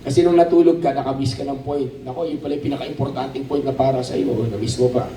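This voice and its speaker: A man preaching a lively sermon at a camp, asking the crowd questions and calling for amens. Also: medium pitch, fast talker, slight background noise. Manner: animated, asks the crowd questions, calls for amens. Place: outdoor camp. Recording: roomy, distant outdoor sermon recording with faint ambience.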